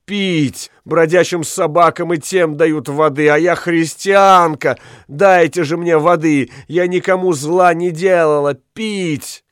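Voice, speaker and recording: A man's voice: medium pitch, a little slow, dry recording, clean studio sound, close to an everyday voice. A man reading an audiobook, voicing a crazed old woman accused of witchcraft who pleads and raves feverishly. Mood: pleading.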